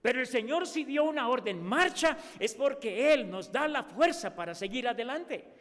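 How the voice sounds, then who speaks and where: A Mexican pastor preaching with a very high, bright voice that rises and falls as he acts out the people he quotes. His sermon rings through a church hall with a long trailing reverb. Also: animated, moderate pace. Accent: Mexican Spanish.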